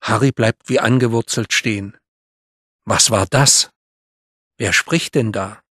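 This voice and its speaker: A man narrating a story for a language course in a clear, even storytelling voice. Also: lowish voice, slow pace, no echo, studio quality.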